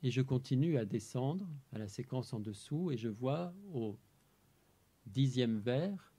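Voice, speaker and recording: Husky, mellow-voiced man explaining slowly. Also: medium pitch, expressive. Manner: measured, explanatory, pausing over single words. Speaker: translator presenting his work. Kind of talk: talk on translating poetry. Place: amphitheater.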